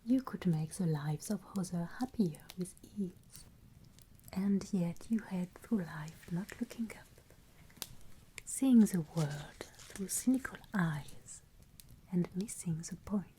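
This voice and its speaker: Woman as solemn female Christmas spirit: hushed storybook whisper, very slow, mellow, gently admonishing ASMR delivery. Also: lowish voice, expressive, a little hiss or hum, rough recording. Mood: reproving.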